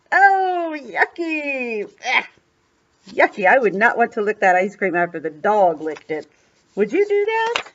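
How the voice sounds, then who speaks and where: An older woman reads a children's picture book aloud in a gentle, coaxing way, her voice swooping up and down as she turns each page into a question for the little one. The recording is dull and lo-fi. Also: mid-range voice. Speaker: grandmother reading to her grandchildren.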